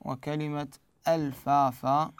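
A man's voice: on the high side, flat delivery, slow pace, clean tone, no echo. A man with an Iraqi Arabic accent, teaching Quran recitation rules step by step and answering his own questions. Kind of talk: explanatory lesson.

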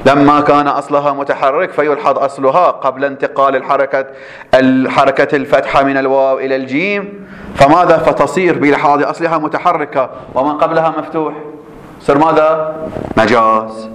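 A male teacher walks his students through a grammar rule, asking again and again whether they follow. His voice sits a bit high. The classroom around him gives a roomy echo. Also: steady tone, fairly quick, a bit bright. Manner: explanatory, repeats points and checks understanding.

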